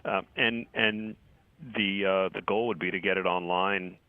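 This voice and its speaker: A male news correspondent explaining a story in a radio interview, halting and restarting often. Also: sits low, fairly even intonation, no room sound. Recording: phone-line audio.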